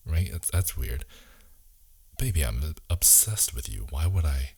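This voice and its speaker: Guy doing ASMR role-play as obsessed boyfriend, romantic leading man type, super husky, dark mellow voice, intimate n coaxing. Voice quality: husky, gravelly low murmur slipping into soft voice.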